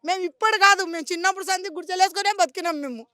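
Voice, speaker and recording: A woman's voice: extremely high pitch, racing, bright, forceful tone, no echo. A woman with a Telangana Telugu accent, a local resident speaking in a street interview. She pleads with passion and repeats herself.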